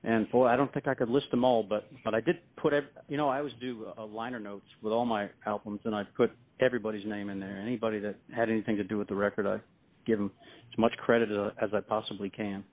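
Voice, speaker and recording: A man's voice: fairly low pitch, fairly even intonation, quick pace. A man talking casually as a musician guest in an interview, with a folksy, self-deprecating manner. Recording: thin, phone-like line.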